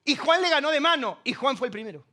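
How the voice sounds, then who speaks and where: A man's voice: very high-pitched, expressive, fast talker, sharp tone. A middle-aged male pastor with a Rioplatense Spanish accent, preaching a humorous, story-filled sermon and asking the congregation questions. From Argentina.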